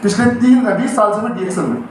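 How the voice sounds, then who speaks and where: A man's voice: high-pitched, animated, fast talker. A middle-aged man giving a motivational training seminar on direct selling to a live audience, calling out questions for the crowd to answer. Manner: call-and-response with the crowd, emphatic and rousing. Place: indoor event hall before an audience. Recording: very echoey hall, distant mic, faint noise.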